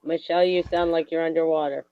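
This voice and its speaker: A woman's voice: deep voice, steady tone, fast, no echo. A woman playing in an online tabletop game, talking through a bluetooth headset mic and often stopping and restarting mid-sentence. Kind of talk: casual chat over voice call. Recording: dull, lo-fi headset audio with faint hiss and clicks.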